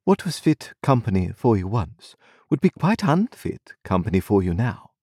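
A man's voice: a little high, very animated, moderate pace, darkish tone, slightly rough, dry recording, clean studio sound, voice pushed up, heavily acted. A man voicing a cold, proud young woman with a disdainful, composed manner in a storybook reading. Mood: haughty.

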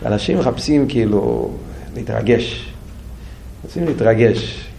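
A man teaching a Torah class, asking questions and repeating phrases, moving between a raised, urgent delivery and a low, quiet one. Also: lively intonation, creaky, slight background noise.

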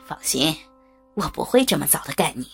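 A woman voicing a cruel, leering middle-aged man in an audio story, with a low, gravelly, taunting voice. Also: sing-song, a little fast, faint music behind, heavily acted. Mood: sneering. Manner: sneering, menacing, taunting.

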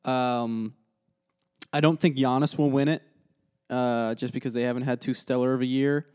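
A man's voice: mid-range voice, fairly even intonation, normal speed, a little mellow, clear, resonant tone. Laid-back young man, slangy sports talk. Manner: laid-back, casual slang, repeats himself. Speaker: podcast co-host. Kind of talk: casual sports chat.

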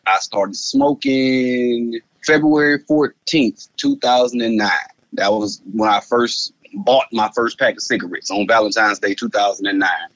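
A man's voice: lowish voice, unhurried, fairly bright tone, dry recording, highs cut off. A man, talking loosely and repeating words in a casual conversation, laughing often. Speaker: guest.

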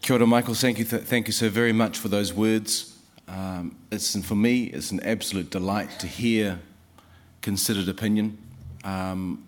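Deep-voiced New Zealand man, halting speechmaker. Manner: halting, repeats words for emphasis, mixes in Māori phrases. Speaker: speaker giving closing thanks at a writers' festival. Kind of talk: informal oratory, speech of thanks.

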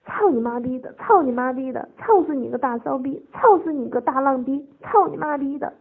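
A woman's voice: high-pitched, a little fast, creaky, voice pushed up. A woman voicing a crude, domineering man who talks in a coarse, pushy way, close to her own voice. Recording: tinny phone-like lo-fi audio.

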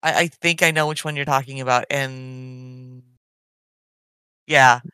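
A middle-aged woman co-hosting a podcast in casual chat, talking in an animated way with many sighs. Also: extremely low pitch, unhurried, smooth, no echo. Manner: animated, sighing, chatty. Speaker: podcast co-host.

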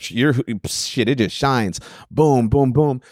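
A man's voice: medium pitch, slow pace, no echo, clean studio sound. A man, a stand-up comedian, telling road stories in a casual podcast chat, acting out quotes and swearing freely. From Sacramento area. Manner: animated storyteller, acts out quotes, swears freely. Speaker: comedian guest.

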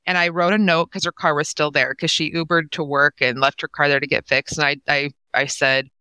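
Bright, clear-voiced woman telling a story. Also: deep voice, little pitch movement, brisk, dry recording, studio quality. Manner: emotional, acts out quoted dialogue. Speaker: guest, nonprofit co-founder. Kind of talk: casual conversational storytelling.

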